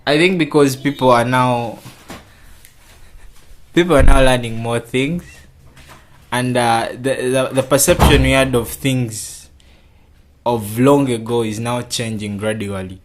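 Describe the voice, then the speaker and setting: A young man from Kenya answering interview questions in a casual, halting way, often repeating his words as he starts. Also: medium pitch, steady tone. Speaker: interview guest.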